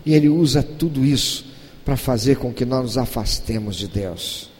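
A man in his fifties preaching a sermon, who swings between loud exhortation and hushed asides. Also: mid-range voice, moderate pace. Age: 50s. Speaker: pastor. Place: church hall. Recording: reverberant church hall.

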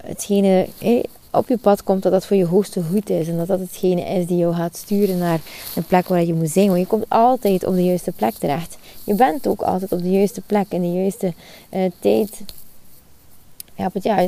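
A woman's voice: mid-range voice, creaky, warm tone. A woman, hosting a spiritual podcast monologue outdoors in the sun, earnest and repeating her phrases. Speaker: podcast host.

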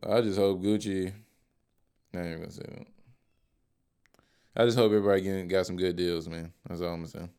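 A man's voice: sits low, steady tone, quick pace, pauses often, mellow, clear, resonant tone. A man co-hosting a casual show, reacting to music videos with loose, profane banter and laughter. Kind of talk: casual chat.

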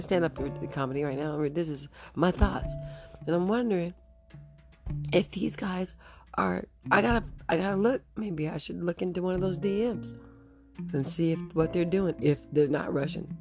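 Speaking low and hoarse, with a voice she is clearly losing, a podcast host drifts through a loose, easygoing solo talk. Nervous laughter keeps slipping into what she says.

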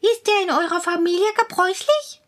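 A woman voicing a timid, chatty little female mouse in a storybook reading, with a squeaky, peeping voice and rapid, excited chatter.

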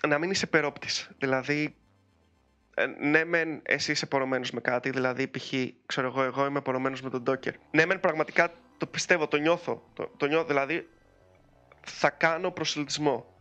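Bright, lively male podcast host. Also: on the high side, faint music behind. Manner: chatty and animated, with frequent fillers. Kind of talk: casual chat.

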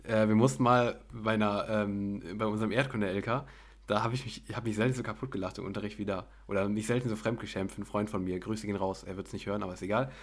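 A young man co-hosting a podcast in a relaxed, chatty way, laughing easily. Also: on the low side, quick pace. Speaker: podcast co-host. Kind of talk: casual chat.

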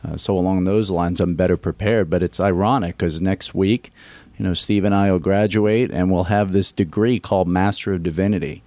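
A man's voice: low-pitched, steady tone, brisk, dark tone, dry recording. A man graduating from seminary, answering interview questions in an earnest, plain, explanatory way.

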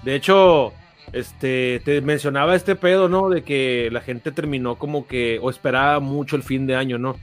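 A man's voice: mid-range voice, normal speed, soft background music. A man with a Mexican accent co-hosting a podcast, chatting casually in rambling, heavy slang. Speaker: podcast co-host. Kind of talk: casual chat.

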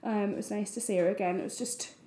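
A woman's voice: mid-range voice, fairly even intonation, fast, mellow. A young woman, a wedding photographer chatting casually as a podcast co-host with lots of fillers. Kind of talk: casual chat. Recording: echoey room.

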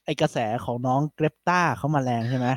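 A man's voice: mid-range voice, fairly quick, dry recording. Chatty man, podcast host, dry sound. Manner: chatty, animated retelling with many fillers. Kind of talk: casual podcast chat.

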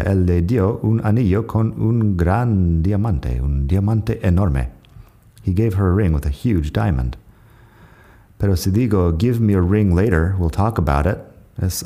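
Male English tutor, American accent; deep, mellow, unhurried delivery with repeated examples. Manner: calm, slow explanations, repeats each example twice. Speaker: English teacher. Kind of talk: language lesson with example sentences.

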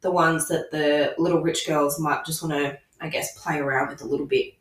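Croaky-voiced woman podcaster in an echoey room. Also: deep voice, steady tone, moderate pace, recorded from a distance. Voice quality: croaky, with creaky starts. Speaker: podcast co-host. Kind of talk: casual book review chat.

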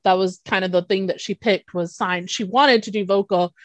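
A woman's voice: mid-range voice, moderate pace, dry recording. A woman, a children's therapist, telling stories in a casual conversation, acting out the quotes and speaking frankly and informally. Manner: animated storytelling with acted-out quotes. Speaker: guest, children's behavior therapist.

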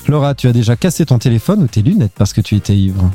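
Teasing male podcast host, lively pitch. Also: quick pace, faint music behind. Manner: teasing, laughs often. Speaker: podcast host asking quiz questions. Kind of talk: casual podcast banter.

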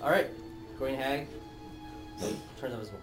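A man running a tabletop game as game master, narrating off the cuff and often pausing mid-sentence. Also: medium pitch. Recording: echoey room, distant mic, music behind.

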